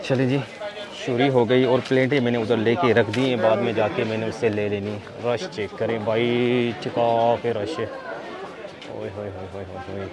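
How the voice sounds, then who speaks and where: A man's voice: medium pitch, little pitch movement, measured pace. A man vlogging his shopping trip, chatting and haggling playfully with sellers at an outdoor market. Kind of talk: casual shopping vlog. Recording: busy outdoor market crowd.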